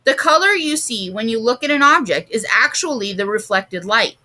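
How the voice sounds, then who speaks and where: A woman reading the lines of a patient man explaining science to children in a storybook, in a calm explaining tone. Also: a little high, moderate pace.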